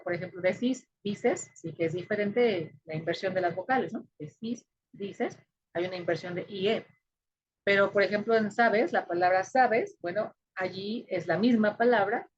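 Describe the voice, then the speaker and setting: A woman's voice: medium pitch, breathy edge. A woman teacher giving a recorded sociolinguistics lecture, explaining patiently and often checking in with the listener. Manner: explanatory, frequent check-ins with "¿no?" and "este". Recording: dull lo-fi recording.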